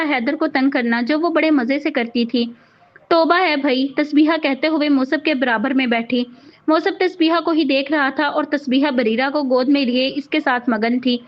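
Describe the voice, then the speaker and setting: A woman reading a romance novel aloud in a steady storytelling manner. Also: high voice, lo-fi sound. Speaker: novel reader.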